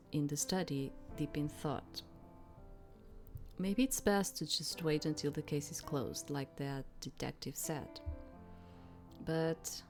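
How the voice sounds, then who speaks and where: An adult woman old enough to remember cloth handkerchiefs streams a mystery game, her voice low and darkish. Not a native English speaker, she rambles along with lots of "like" fillers and reads the narration aloud.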